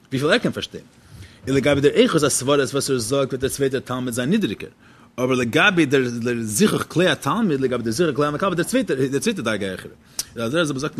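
Husky guy rattling fast through a religious lesson, asks questions then answers them himself. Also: medium pitch. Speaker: religious teacher. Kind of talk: religious text lecture.

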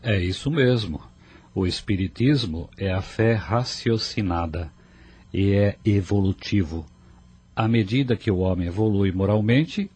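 A calm, fatherly mentor gently counsels a friend in a radio play, voiced by an actor. His voice sits fairly low with a slight huskiness, and he. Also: breathy edge. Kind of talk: radio drama acting.

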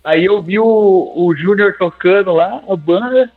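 A young man, a singing teacher, telling animated, slangy stories in a podcast interview and acting out his own old lines. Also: high voice, measured pace. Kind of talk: casual storytelling in a podcast interview. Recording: tinny phone-like sound with faint music.

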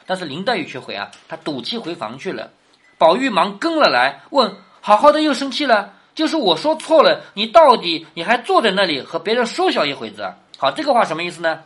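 Husky bright-voiced woman explaining a text. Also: fairly low pitch. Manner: asks the listener questions, reads quoted lines with more lift. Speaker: teacher explaining a classic novel. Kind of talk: reading aloud and explaining a text.

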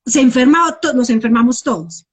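A woman's voice: fairly high pitch, a little fast, a little mellow. A woman, telling her personal story as a guest and often calling the host by name. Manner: heartfelt, repeats the host's name often. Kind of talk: emotional personal testimony.

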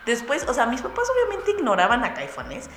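A young woman with a Mexican Spanish accent, telling a lively anecdote to friends and acting out the voices of the people in it. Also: a little high, brisk, roomy sound, slight background noise. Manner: lively storyteller acting out voices with bursts of laughter.

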